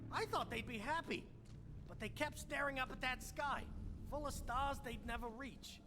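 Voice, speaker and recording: An actor playing a grizzled older explorer and remorseful father in a video game, with a gravelly folksy drawl. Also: very high voice, moderate pace, long reverb tail, noisy background. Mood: regretful.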